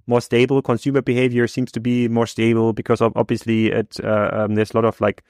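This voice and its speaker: A man's voice: medium pitch, completely flat delivery, a little fast, a little mellow, no echo, studio quality. A man hosting a podcast interview, asking long, hesitant questions full of fillers and restarts. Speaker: podcast host.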